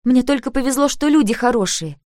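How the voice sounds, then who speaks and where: A woman's voice: high-pitched, expressive, fairly quick, a little mellow, no room sound, clean studio sound, voice pushed up. A woman voicing a sensitive, earnest teenage girl who pleads and argues indignantly in an audiobook.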